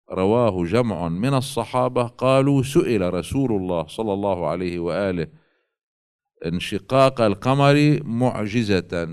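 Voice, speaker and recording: A man giving a religious lecture, reading classical quotations slowly and explaining them in colloquial asides. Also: fairly low pitch, darkish tone, clean tone. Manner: alternates slow quoted readings with colloquial asides.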